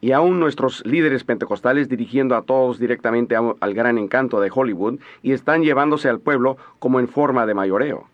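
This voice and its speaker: A man interpreting a sermon in a steady, measured voice-over. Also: mid-range voice. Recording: dull lo-fi audio.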